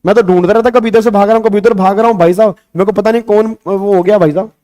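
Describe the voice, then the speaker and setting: Playful high-voiced Indian man teaching. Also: steady tone, racing, dark tone. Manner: playful, teasing, asks students questions. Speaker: tax law teacher. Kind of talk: lively online lecture.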